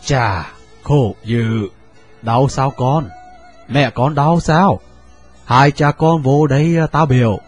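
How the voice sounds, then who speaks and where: Một người đàn ông đọc truyện, đóng vai cụ lớn quyền thế đa dâm, nói giọng ban ơn, giọng miền Trung. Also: male voice, a little high, normal speed, few pauses, muffled recording, faint music behind, lightly acted. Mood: sympathetic. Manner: condescending, feigned kindness. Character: old lord, powerful and lecherous.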